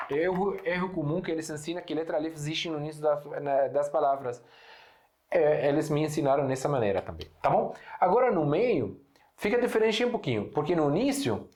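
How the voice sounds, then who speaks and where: A man's voice: a little high, a little mellow. Arabic-accented man teaching in an echoey room. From Syria. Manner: patient explaining, frequent self-corrections and rhetorical questions. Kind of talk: online language lesson.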